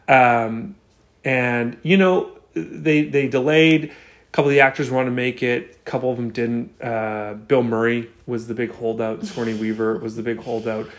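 Brief: male podcast host, mid-pitched, loose rambling film chat. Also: steady tone, normal speed. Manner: rambling, many restarts and fillers.

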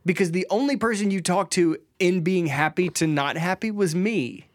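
A young man co-hosting a podcast with his wife, joking and playful, telling stories with animated quoted lines. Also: sits high, normal speed, dry recording, clean studio sound. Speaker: podcast co-host. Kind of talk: casual conversation with spouse.

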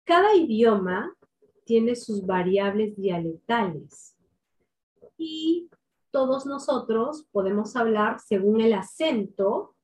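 Slow, clearly articulating woman coach. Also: a little high, expressive, a little mellow. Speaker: voice and public speaking coach. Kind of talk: instructional tips to camera.

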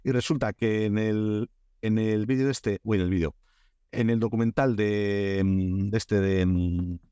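A man's voice: on the low side, a little slow, smooth, no echo. A man from Spain with a Spanish accent, a guest in a casual podcast interview, telling stories with lots of fillers and restarts. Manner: animated storyteller, many restarts and fillers. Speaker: guest, Korea expert.

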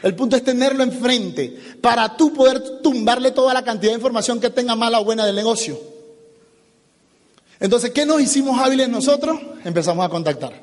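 A man giving an animated motivational business seminar talk, acting out little dialogues as he goes. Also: extremely high pitch, a little fast, in a large hall. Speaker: business speaker.

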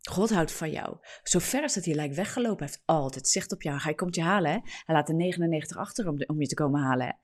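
A woman preacher giving a fervent, repetitive sermon that swings between loud declarations and hushed, slow passages. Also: deep voice, expressive. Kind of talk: charismatic sermon, prophetic prayer. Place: livestream.

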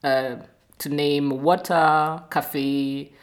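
A woman from Burundi with a Burundian accent speaks in a low register at an unhurried pace. She tells her story conversationally, often repeating phrases as she finds her words. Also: steady tone. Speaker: radio show participant telling her story.

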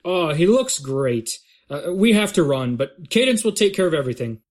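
A man's voice: fairly high pitch, sing-song, moderate pace, darkish tone. A man playing a fussy, hesitant dad. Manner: hesitant, with many uhs. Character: cautious, fussy family dad. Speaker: father.

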